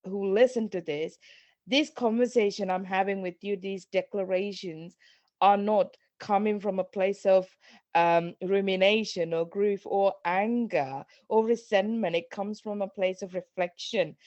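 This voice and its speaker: A woman's voice: mid-range voice, fairly even intonation, unhurried, darkish tone, no room sound. A middle-aged woman from Sri Lanka, a guest on a podcast interview, speaking in a reflective, earnest way and often restarting phrases. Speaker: guest, parenting coach.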